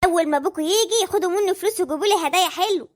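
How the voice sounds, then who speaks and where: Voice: very high-pitched, rapid-fire. A performer voicing a spoiled, demanding Egyptian housewife who talks in a whiny, coaxing way.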